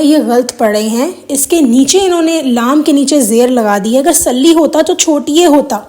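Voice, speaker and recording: A woman's voice: high voice, mellow. A woman whose first language is Urdu, talking earnestly to her viewers about correct prayer recitation, explaining with examples and slipping in English phrases. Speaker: religious video host. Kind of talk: casual religious talk to viewers.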